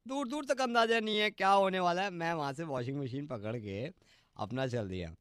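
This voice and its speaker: A man's voice: on the high side, a little fast, fairly bright tone, smooth, no echo, studio quality. A man making a prank phone call, rambling and pleading in an earnest way. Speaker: radio prank caller.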